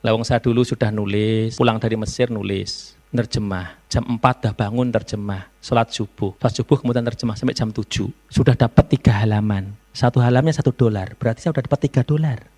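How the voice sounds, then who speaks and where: A man gives a university lecture to students in a lively storytelling way, slipping into phrases. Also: on the low side, brisk. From Indonesia. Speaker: novelist giving a guest lecture. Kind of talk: public lecture.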